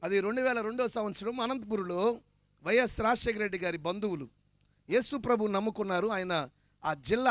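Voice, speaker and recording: A man's voice: high voice, dry recording. A man preaching a sermon with fervent emphasis, asking the congregation to answer back. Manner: fervent, emphatic preaching that swells to loud declarations; asks the congregation for responses.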